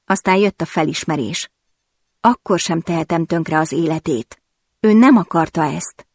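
A woman reading a romance novel aloud in the first person, her voice set low and steady. The recording is close and completely dry, with no room sound. She tells the story with expressive but even pacing. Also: no echo. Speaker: audiobook narrator. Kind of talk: first-person audiobook narration.

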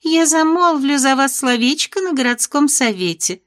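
A woman's voice: high voice, expressive, moderate pace, a bit bright, voice pushed up. Woman voicing an evasive fairy headmistress. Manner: evasive, soothing, dismissive. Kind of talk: audiobook character reading.

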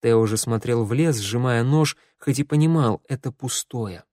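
A man reading a dark fantasy audiobook in a measured, dramatic narration. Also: medium pitch, no room sound, clean studio sound. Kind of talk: scripted narration.

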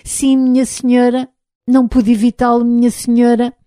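A woman voicing a timid, frightened male robot with a hoarse voice. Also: a little high, little pitch movement, moderate pace, dark tone, dry recording, pitched above the performer's own voice, lightly acted. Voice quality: hoarse, like a machine needing oil. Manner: anxious, pleading, deferential. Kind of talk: audiobook character reading.

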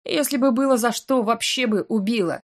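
A woman's voice: fairly high pitch, a little fast, pitched above the performer's own voice, lightly acted. A woman reading the lines of a young female magic student who sobs and lashes out indignantly, in an audiobook. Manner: sobbing, indignant outbursts.

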